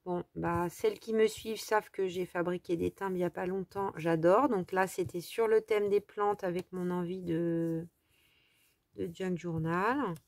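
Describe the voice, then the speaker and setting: A woman's voice: on the low side, steady tone, unhurried, a little mellow, no room sound. Chatty woman showing a craft haul. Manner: chatty, enthusiastic about small items, lots of fillers. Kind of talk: casual haul vlog, showing items to camera.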